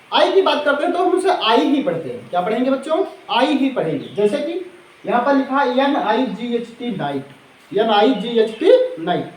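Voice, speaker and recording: A male teacher giving a phonics lesson to children, often quizzing the class with repeated questions. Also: very high voice. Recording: echoey classroom.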